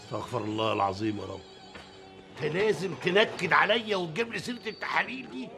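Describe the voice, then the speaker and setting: A man's voice: a little high, expressive. An actor playing a stubborn, bossy old father with an Egyptian accent, in a TV drama. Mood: scolding. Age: older. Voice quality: gravelly, bossy, quick-tempered. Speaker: father of a grown son. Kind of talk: TV drama acting. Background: background score music.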